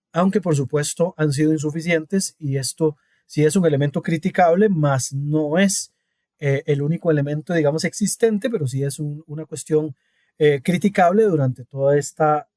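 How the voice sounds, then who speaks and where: A man delivering a weekly radio commentary column, measured and pausing with fillers. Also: on the high side, a little mellow, no echo, clean studio sound. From Costa Rica.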